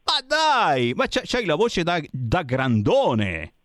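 A man's voice: a little high, huge pitch swings, slow, a bit bright, dry recording, studio quality. A man hosting live radio, speaking emphatically with exclamations and words repeated for effect. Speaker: radio host. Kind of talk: live radio chat with callers and guests. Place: radio studio.

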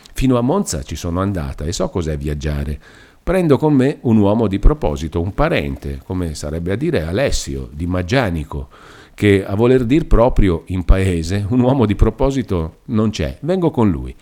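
A man's voice: fairly low pitch, dark tone. A man voicing a talkative, practical older village mother, speaking in a chatty, persuasive and emphatic way.

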